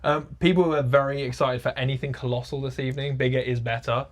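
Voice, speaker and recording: A man's voice: mid-range voice, steady tone, fast. A man hosting a casual livestream, reading out audience questions with an upbeat, laughing manner. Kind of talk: casual chat.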